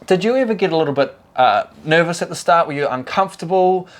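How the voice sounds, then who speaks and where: A man's voice: fairly high pitch, animated, quick pace. A man hosting a casual interview, upbeat and encouraging, often repeating words as he talks. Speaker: host.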